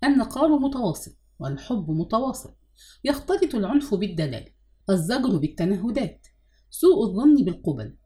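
A woman reading a novel aloud in measured narration, announcing the chapter numbers. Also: mid-range voice, big pitch swings, mellow. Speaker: audiobook narrator.

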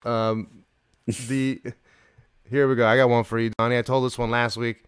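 A man's voice: medium pitch, flat delivery, moderate pace, clean tone, no echo. A man hosting a casual comedy podcast, teasing his guest and laughing often. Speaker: podcast host.

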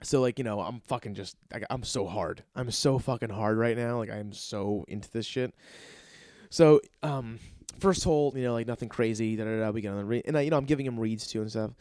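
Young male storyteller, excitable, swears freely, does voices for quotes; dry close mic. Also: on the low side, brisk, no room sound. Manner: excitable, profane, acts out quotes in other voices. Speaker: golf caddy telling a story. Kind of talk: casual storytelling.

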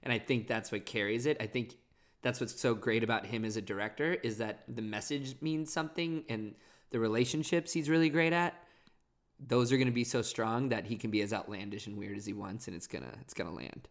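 A man's voice: mid-range voice, a little fast. A man co-hosting a podcast, chatting casually about a movie with dry, teasing banter. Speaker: podcast co-host. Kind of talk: casual movie-review chat.

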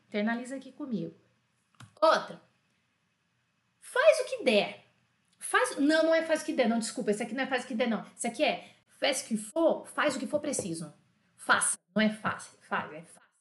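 A woman teaching French in an enthusiastic, chatty online lesson, repeating phrases slowly for learners to copy. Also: fairly high pitch, echoey room.

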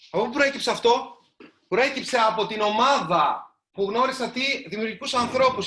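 Bright, high-voiced man telling a story. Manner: animated, addresses the audience directly. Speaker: writer giving a talk. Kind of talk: storytelling talk to a live audience. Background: live audience.

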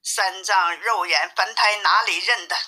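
A woman telling a classic tale in a steady, simplified storybook reading. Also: medium pitch, measured pace, husky. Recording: tinny phone-like sound.

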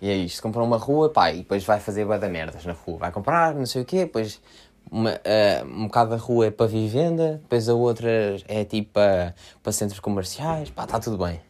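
A man's voice: on the low side, big pitch swings, a little fast, a little mellow. A young man from Portugal, rambling casually and jokingly on his solo podcast, full of slang and fillers. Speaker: podcast host.

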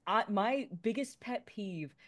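A woman's voice: medium pitch, expressive, dry recording. A woman panelist in casual chat, emphatic and opinionated. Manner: emphatic, opinionated, quick restarts. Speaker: panelist on a role-play show.

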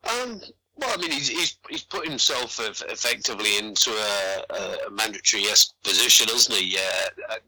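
A man's voice: fairly low pitch, expressive, normal speed, sharp tone, slightly rough, low-quality recording. A man co-hosting a casual boxing podcast, hesitant and stammering with dry understatement. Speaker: podcast co-host. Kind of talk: casual chat.

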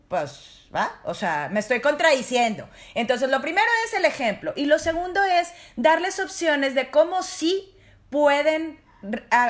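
A woman's voice: high-pitched, a bit bright. A middle-aged woman, explaining parenting strategies directly to parents in a casual talk. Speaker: parenting guest expert.

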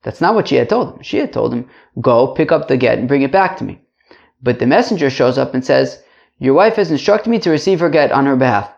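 A man's voice: mid-range voice, animated, fairly quick, creaky, darkish tone, highs cut off. A man teaching an informal religious lesson to a class, chatty, repeating phrases and checking in with rhetorical questions. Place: indoors.

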